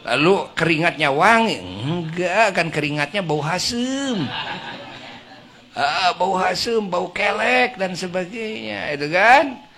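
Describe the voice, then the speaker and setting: A man preaching to a women's congregation, acting out little scenes and swinging between soft murmurs and loud exclamations. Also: high voice, lively intonation, takes it slowly. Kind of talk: lively sermon to a women's congregation.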